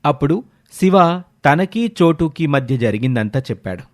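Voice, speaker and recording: A man narrating an animated children's storybook in a steady, expressive way. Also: fairly high pitch, moderate pace. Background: faint background music.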